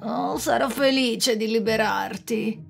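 A woman's voice: a little high, lively intonation, slow pace, gravelly, soft background music, pitched above the performer's own voice, heavily acted. A woman voicing a sly, hard-drinking trickster man who coaxes and bargains in a storybook tale. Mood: wheedling. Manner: coaxing, wheedling.

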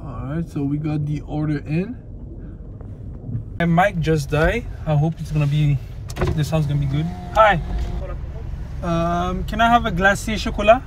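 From inside a car, a man hosts a casual prank vlog, addressing the camera and the drive-thru staff. His voice is a little high, his pace measured with long pauses, and the noisy car interior fills the background with vehicle sound.

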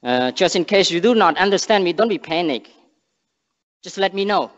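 A man's voice: sits high, lively intonation. Earnest young Cambodian-accented man preaching. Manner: earnest, halting non-native English with restarts and emphatic rises. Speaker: missionary speaker. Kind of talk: sermon with prayer. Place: large church sanctuary stage. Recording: long church reverb, dull sound.

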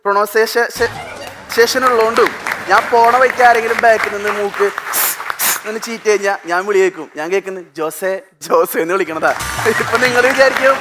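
A young man rattles through a stand-up routine at a breakneck pace, his voice pitched high and lively as he slips into impressions. He is performing on a television stage. Music and a live audience can be heard clearly behind him. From Thrissur, Kerala. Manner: rapid, animated storytelling with mimicked voices. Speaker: stand-up comedian. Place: TV studio stage.

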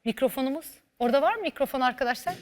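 A woman's voice: high voice, rapid-fire. A woman co-hosting a studio talk show, chatting playfully and laughing often. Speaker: co-host. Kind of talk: casual studio chat. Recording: long studio reverb.

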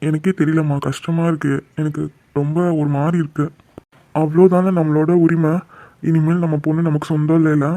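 A man's voice: a little high, level tone, fairly quick, mellow, close to an everyday voice. A man voicing a loving father in a cartoon, crying over his daughter. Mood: grieving. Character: grieving loving father, emotional. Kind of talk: cartoon voice acting.

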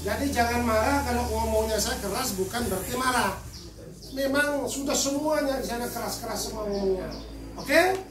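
An older man from Madura speaking loudly and forcefully to a crowd at a charity event, joking with the audience. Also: very high voice, normal speed. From Madura, Indonesia. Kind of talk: addressing a crowd. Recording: echoey, distant mic with crowd noise.

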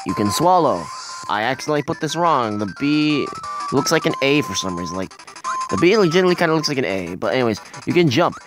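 Young male let's play host, rambling, animated pitch swings, faint music behind. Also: fast. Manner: rambling, many fillers and restarts. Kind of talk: casual gameplay commentary. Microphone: phone recording.

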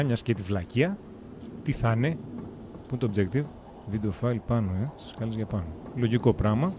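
A man's voice: medium pitch, noisy background. A man streaming a game live, joking and talking to himself and the game as he plays. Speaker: gameplay streamer. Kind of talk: live gameplay commentary. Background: game music.

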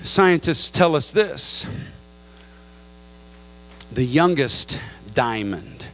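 A middle-aged male pastor preaching a Pentecostal sermon into a handheld mic, swinging from low, measured talk to high, fervent appeals and calling on the congregation to respond. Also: lively intonation, fairly bright tone. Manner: asks the crowd for response. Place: large church sanctuary with a congregation. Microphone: handheld microphone.

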